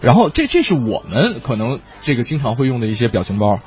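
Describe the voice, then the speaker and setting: Brief: animated male radio host, husky voice, heard over muffled AM radio. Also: mid-range voice, faint music behind. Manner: quick, animated, playful banter. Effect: AM radio broadcast sound. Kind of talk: lively radio variety chat.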